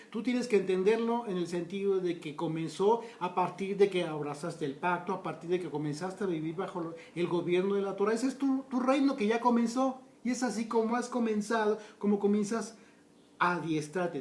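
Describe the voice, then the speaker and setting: High-voiced man teaching scripture in an echoey room. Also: a little mellow. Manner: reads scripture aloud and breaks off to explain, addressing listeners directly. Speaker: Bible teacher. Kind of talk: verse-by-verse Bible study teaching.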